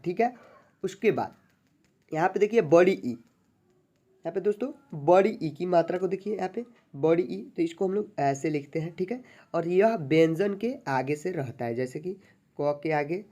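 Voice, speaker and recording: A teacher giving an online alphabet lesson, patiently sounding out syllables slowly and often checking that viewers follow along. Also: mid-range voice, warm tone. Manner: addresses viewers as friends. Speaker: Hindi teacher.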